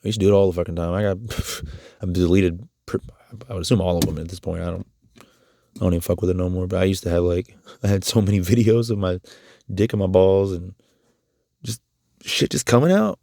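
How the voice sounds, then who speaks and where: A man venting in a rambling, swear-heavy confessional vlog. His voice has a dark, mellow timbre that rises sharply when he is upset. The recording is close and dry. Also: level tone, brisk, no room sound. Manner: rambling, profane and agitated; voice climbs high when upset.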